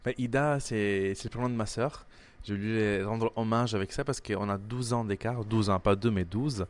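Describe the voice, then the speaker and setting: He's a chef and restaurant owner from Italy, in his twenties, who grew up in Milan. In a casual interview his low voice moves at a moderate pace, but his answers are halting, full of fillers and restarts.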